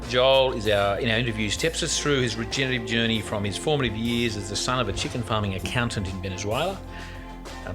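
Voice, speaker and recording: Australian man, podcast host, lowish pitch, hesitant delivery, music behind. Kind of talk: podcast introduction and interview.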